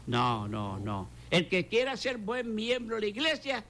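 A man's voice: high voice, huge pitch swings, unhurried, a bit bright, slight background noise. An older man with a Puerto Rican Spanish accent, a pastor giving a fervent testimony and repeating his phrases for emphasis. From Puerto Rico. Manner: fervent, repeats phrases, acts out quoted dialogue. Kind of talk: preaching testimony in a talk show.

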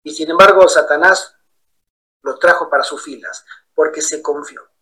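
A man preaching in a sermon-style Bible study, telling stories in an animated way. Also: fairly high pitch, moderate pace, low-quality recording. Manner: animated storyteller acting out quoted voices.

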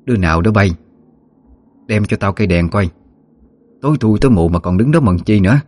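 A man's voice: on the low side, expressive, brisk, a little mellow. A man voicing an irritable old mistress of the house who grumbles, in a storybook reading. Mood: irritable grumbling.

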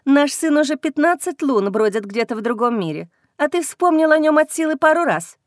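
A woman's voice: high voice, animated, fairly quick, dry recording, studio quality, pitched above the performer's own voice. A woman voicing an anxious, fretful female werewolf mother in an audiobook. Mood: distraught. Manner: fretful, pleading. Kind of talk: audiobook character reading.

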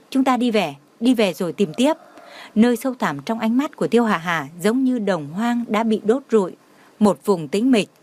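A woman narrating an emotional audio story in a steady, dramatic reading manner. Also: mid-range voice.

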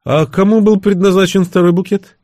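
A man's voice: sits high, little pitch movement, a little fast, darkish tone, no echo, studio quality, pitched above the performer's own voice, close to an everyday voice. An audiobook narrator voicing a nervous, sarcastic young male agent in an edgy, raised voice. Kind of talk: audiobook character reading.

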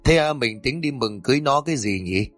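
Man playing a steady village husband, calm, plain, mid pitch. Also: fairly quick, faint music behind.

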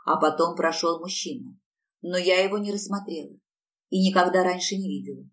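A woman reading the part of a timid neighbour woman who speaks quietly and hesitantly, picked up from a distance. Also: fairly low pitch, a little fast, lightly acted. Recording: distant mic.

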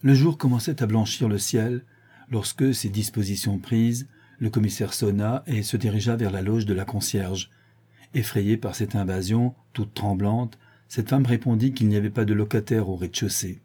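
Casting: middle-aged male audiobook reader, low husky tone, measured classic-novel narration. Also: fairly even intonation, warm tone. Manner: measured storytelling, lifting his voice for dialogue.

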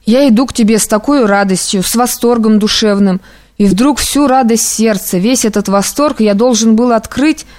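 A woman reading aloud, voicing an emotional young male clerk who pleads and rushes his words. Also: on the high side, a little mellow, natural voice. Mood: excited.

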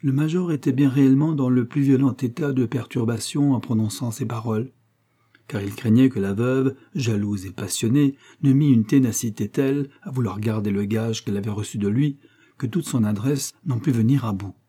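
A man narrating a classic novel in a measured, even storytelling manner. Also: medium pitch, breathy edge. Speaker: audiobook narrator. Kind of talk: scripted narration.

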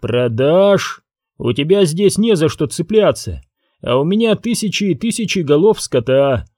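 A man's voice: fairly high pitch, very animated, unhurried, darkish tone, no echo, studio quality, voice pushed up. A man reading an audiobook, voicing a ruthless, domineering rancher boss who speaks in brusque commands.

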